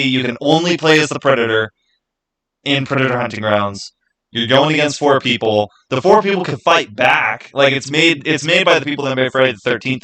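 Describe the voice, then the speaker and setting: A gaming video host offers his opinions in loose, unscripted commentary, stressing them hard and repeating phrases to land the point. His voice is medium in pitch with a sharp tone, and the recording quality is low.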